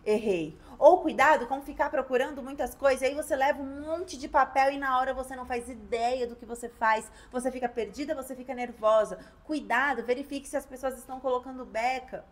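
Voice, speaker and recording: A Brazilian woman lawyer teaching colleagues how to argue in court, changing her pace and loudness on purpose and acting out courtroom lines. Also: high voice, steady tone. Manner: varies pace and loudness on purpose, pausing for emphasis; acts out courtroom lines to show how to speak. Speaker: labor lawyer giving advice. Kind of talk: instructional talk to the camera.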